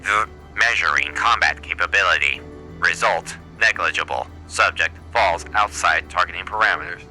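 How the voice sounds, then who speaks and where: A cold machine soldier speaks in a flat, clipped robot voice, as a man puts it on while playing a game. The tone sits very low with a hard, cutting edge. Each line is delivered as if reading out a status report. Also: normal speed, soft background music, poor audio. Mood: flat robotic. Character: cold, monotone male robot soldier, matter-of-fact. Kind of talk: reading game dialogue aloud in character.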